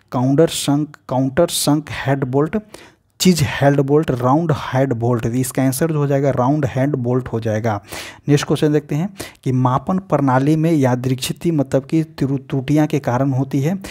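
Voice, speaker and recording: A man's voice: mid-range voice, mellow. A man teaching an exam-prep lesson, walking through practice questions one by one and repeating phrases as he explains, with English terms mixed into his talk. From India. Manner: repetitive, restarts phrases, mixes English terms into Hindi.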